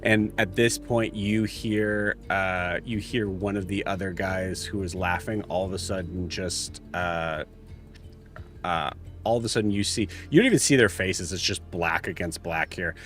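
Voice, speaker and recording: A man narrating a tabletop game as game master, casual and halting as he searches for words. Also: sits low, fairly bright tone. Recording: music playing behind.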